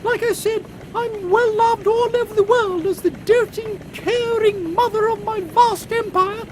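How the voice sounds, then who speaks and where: A man's voice: very high-pitched, fairly even intonation, a little slow, over a noisy crowd, poor audio. A man voicing a haughty, theatrical queen who declaims grandly in a steampunk audio comedy. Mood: assured, lofty. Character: imperious, theatrical, excitable Queen Victoria, commanding secret agents. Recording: loud airship engine noise behind.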